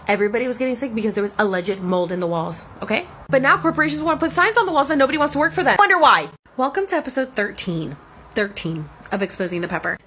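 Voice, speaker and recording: Her voice on the high side, husky and fairly bright, a Florida woman in her thirties vents with heated sarcasm and swearing about years of serving tables. She is a former restaurant server and content creator, and this is an angry rant vlog.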